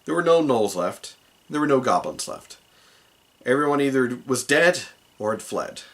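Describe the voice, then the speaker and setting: A man's voice: mid-range voice, big pitch swings, moderate pace, a bit bright. Rambling man recapping a tabletop game. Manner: rambling, with many asides and fillers. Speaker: dungeon master.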